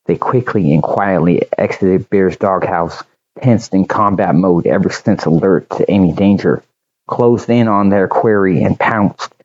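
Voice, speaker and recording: A man reads a bedtime-style story aloud in a measured, slightly halting way. His voice sits low and mellow. The recording is muffled and lo-fi. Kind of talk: storybook audiobook narration.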